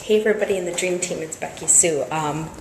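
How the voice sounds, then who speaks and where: A woman livestreaming on her phone from an office bathroom, talking in a hushed, excited half-whisper, shaky with nerves. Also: lowish voice, fast. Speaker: network marketing team member. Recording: echoey bathroom with faint room noise.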